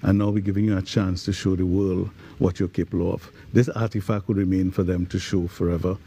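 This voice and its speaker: Trini man being interviewed, soft mellow dark tone, lowish, careful explainer who repeats words as he goes. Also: flat delivery, fairly quick, slightly rough. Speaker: guest, digital transformation advisor.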